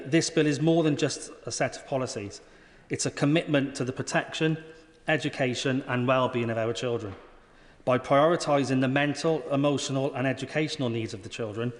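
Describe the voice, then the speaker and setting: A man with a British accent delivering an earnest, formal prepared speech as a member of parliament in a large debating chamber. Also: medium pitch. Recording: reverberant hall sound.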